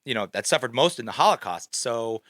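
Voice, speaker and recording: A man's voice: medium pitch, expressive, a little fast, fairly bright tone, no room sound, clean studio sound. A man co-hosting a casual podcast, thinking aloud and asking questions as he talks. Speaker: podcast co-host.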